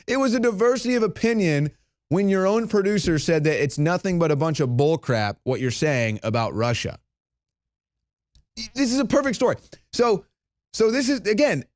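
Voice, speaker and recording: A man delivering opinionated news commentary, indignant and sarcastic, rising to loud emphatic peaks. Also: high-pitched, no echo, studio quality.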